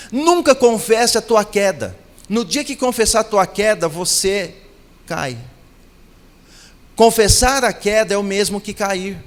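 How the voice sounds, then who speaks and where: A man's voice: high-pitched, in a large hall. A man preaching a sermon as pastor, building to emphatic, repeated declarations.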